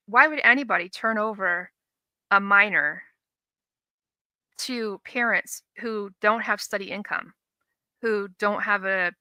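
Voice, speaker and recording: A woman's voice: medium pitch, pushed and bright, no room sound. A woman hosting a stream who reads viewer comments and rants in exasperation, firing off rhetorical questions and stumbling over repeated words. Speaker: livestream host reading chat.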